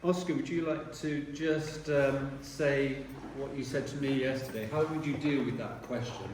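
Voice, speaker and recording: A man, a retiring teacher giving a rambling speech at a dinner and often clearing his throat. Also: mid-range voice, steady tone, moderate pace, a little mellow. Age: 60s. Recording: echoey hall from far off, noisy.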